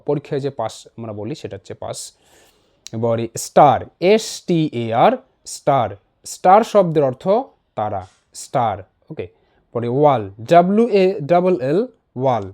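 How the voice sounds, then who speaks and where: A man teaching an English pronunciation lesson in a voice-over, spelling each word letter by letter and repeating it slowly. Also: a little high, warm tone.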